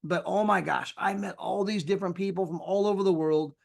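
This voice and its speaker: A man's voice: high-pitched, steady tone, fairly quick, vocal fry. A man giving a chatty sales presentation over a screen share, often tagging his points with "right?" and "you know".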